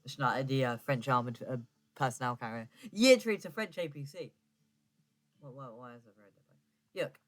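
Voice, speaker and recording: A man's voice: mid-range voice, moderate pace. A young man giving casual, rambling gameplay commentary, full of fillers and self-corrections. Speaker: gaming YouTuber.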